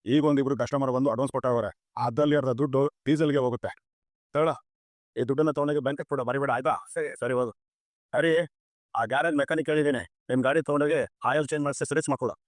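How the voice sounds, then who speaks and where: Actor as a quick, flattering driver begging his boss for a loan. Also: medium pitch, dry recording, clean studio sound, close to an everyday voice. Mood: coaxing. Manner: coaxing, flattering. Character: eager young driver coaxing his boss. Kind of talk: TV serial acting.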